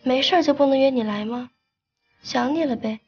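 An actress playing a proud young lady of a noble family, speaking softly and coaxingly in a period TV drama. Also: sits high, brisk, slightly rough, highs cut off. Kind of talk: TV drama dialogue. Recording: drama soundtrack with loud music.

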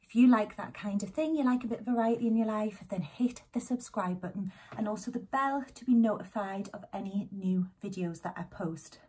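A woman, chatting excitedly in a casual haul vlog, a little out of breath, dropping into whispered asides. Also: mid-range voice, brisk, few pauses, slight background noise. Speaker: YouTube vlogger. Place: home.

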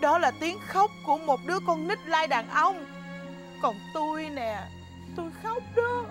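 A woman's voice: high-pitched, lively intonation, normal speed, music in the background. A woman with a Southern Vietnamese accent playing a dramatic, complaining wife in a comedy skit.

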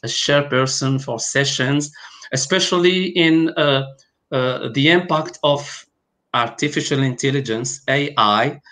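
A man from Algeria, a native speaker of Arabic and French, talks haltingly with lots of fillers and restarts. He is a guest pharmacovigilance specialist in an online interview, joining by video call from a home room, and his medium-pitched voice comes across bright and forceful.

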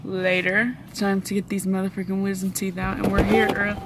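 A woman's voice: medium pitch, little pitch movement, moderate pace, very noisy. A woman in her twenties chatting casually to camera in a blunt, slangy, swear-laden way. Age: 20s. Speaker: vlogger. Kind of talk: casual vlog chat. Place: parked car and a room at home.

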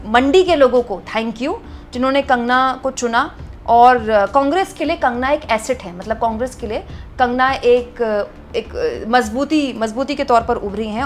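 A woman's voice: fairly high pitch, slight background noise. A woman commentating on political news, reading out viewer comments and chatting to her audience as friends, with frequent hesitations.

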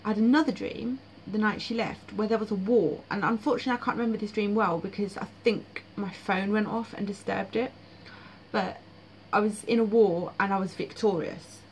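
A woman's voice: medium pitch, brisk, a little hiss or hum, rough recording. A woman vlogging about her dreams in casual, frank, blunt monologue with frequent fillers.

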